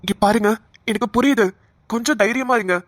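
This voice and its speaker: A woman voicing a hospital doctor in a cartoon who calmly explains and soothes a worried relative. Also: a little high, brisk, lightly acted. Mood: soothing. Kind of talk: cartoon voice acting.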